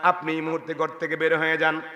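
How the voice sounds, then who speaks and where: Ungrateful son, curt and dismissive, voiced by a man, high pitch. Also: completely flat delivery, quick pace, sharp tone. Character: cold, ungrateful adult son. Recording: long reverb of a large venue.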